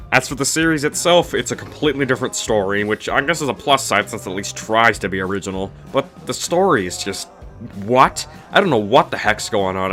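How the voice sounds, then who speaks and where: A man with a medium-pitched, sharp-toned voice narrates a scripted comedy review, sounding snarky, dismissive and mock-exasperated. He is a video reviewer who hosts a review series.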